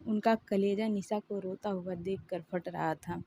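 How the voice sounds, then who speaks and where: A woman telling a romantic story in a gentle, emotional narrating voice. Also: mid-range voice, fairly even intonation, a little slow, a little hiss or hum.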